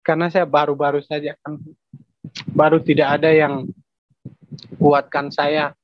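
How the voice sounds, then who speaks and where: A man with a Papuan Indonesian accent tells a personal testimony in broken, halting phrases, circling back on his words and politely addressing the listener. His voice sits high for a man. The sound is close, dry and slightly dull. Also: monotone, dry recording. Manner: halting, repeats phrases, adds "Pak" often. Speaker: testimony giver.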